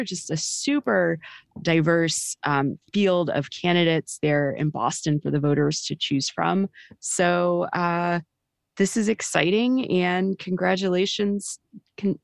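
A woman reporter chatting about politics in a wry, halting way, full of fillers. She speaks slowly in a fairly low voice with a gravelly edge. The sound is dry and close. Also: dry recording. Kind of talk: casual political chat.

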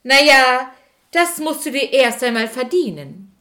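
A woman voicing the old fairytale figure Frau Holle, calm and instructive. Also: high voice, measured pace, full character voice.

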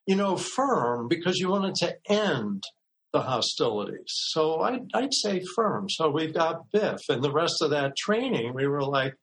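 Unhurried older man telling a story. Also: a little high, a little hiss or hum, low-quality recording. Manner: relaxed anecdotal telling, acts out quoted voices. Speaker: guest expert, lawyer and mediator. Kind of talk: storytelling in a podcast interview.

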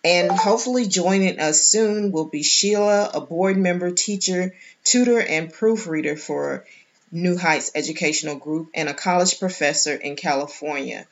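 A woman with a lowish voice hosts a round-table podcast. She introduces her guests in a formal, measured way, pausing now and then. The sound is dull and lo-fi. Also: a little hiss or hum. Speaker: host.

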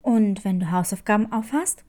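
A woman voicing a calm, middle-aged female school nurse who questions a child gently, in a storybook tale. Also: mid-range voice, moderate pace, voice pushed down, natural voice. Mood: gently probing.

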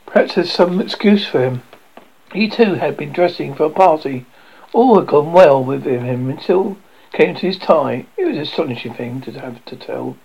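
A man reading a children's novel aloud for radio, expressive, with occasional stumbles and self-corrections. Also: fairly high pitch, normal speed, creaky, husky, muffled recording. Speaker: narrator.

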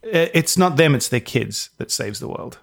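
A man's voice: on the high side, expressive, normal speed, gravelly. A man co-hosting a podcast, chatting casually in a blunt, sweary way. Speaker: podcast co-host. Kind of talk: casual chat.

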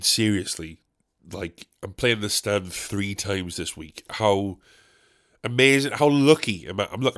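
A man with a lowish, somewhat bright voice hosts his podcast alone from his bedroom, stuffed up and snotty from a cold. A stand-up comedian, he rambles, mocks himself and throws in jokey asides.

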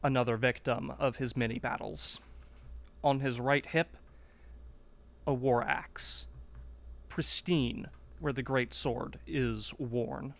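A man's voice: mid-range voice, steady tone, slow, gravelly, a bit bright. A man playing a humble but resolute wandering warrior in a tabletop game, speaking formally and earnestly. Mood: solemn.

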